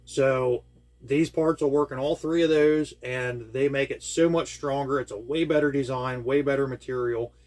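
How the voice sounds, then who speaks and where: An eager man talking at home about a build he loves, loose and rambling with plenty of ums and uhs. His voice sits at an ordinary middle pitch, and the talk stays casual and unscripted. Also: steady tone, normal speed, a little mellow. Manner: enthusiastic, rambling with many fillers. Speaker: RC hobby channel host. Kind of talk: casual product walkthrough. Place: indoors at home with air conditioning.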